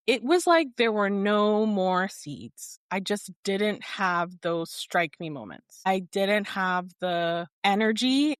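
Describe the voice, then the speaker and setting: A Barbadian woman in her thirties, a therapist appearing as a podcast guest, speaks in a lowish, fairly bright voice. She is articulate and thoughtful in this reflective conversational interview, using "like" a great deal. The studio sound is clean, with no echo.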